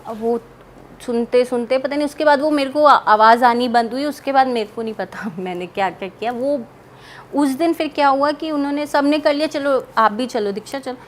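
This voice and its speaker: A young woman with a slightly high voice recounts a paranormal experience in an interview. She tells it vividly and with animation, slipping into the voices of the people around her. A faint hiss sits under the recording. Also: brisk. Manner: animated, vivid storytelling with quoted dialogue. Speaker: guest.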